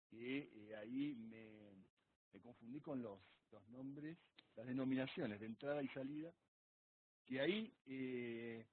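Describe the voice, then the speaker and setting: A man's voice: medium pitch, slight background noise. A man asking questions as a student in a live online class, hesitant and searching for words. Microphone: video call. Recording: tinny video call audio.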